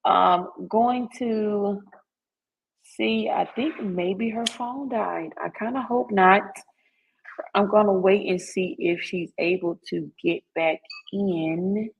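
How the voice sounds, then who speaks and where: A woman hosts a podcast, chatting casually and frankly with laughter and filler words. Her mid-range voice is creaky and husky, her pace slow, and the audio sounds dull.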